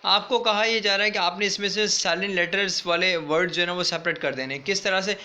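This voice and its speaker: A man's voice: high-pitched, steady tone, brisk, sharp tone. A male school English teacher giving a recorded class lecture. He speaks patiently, repeats himself, spells words out letter by letter and keeps checking in with his students. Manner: patient, repetitive, checks in with "theek hai" often.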